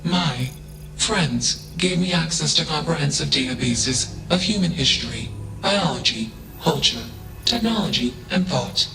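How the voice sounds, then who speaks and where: Flat emotionless AI robot, cold and logical, slightly high, gravelly, game music behind. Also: male voice, measured pace. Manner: announces each statement with a one-word label. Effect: flat emotionless machine voice. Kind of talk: video game dialogue.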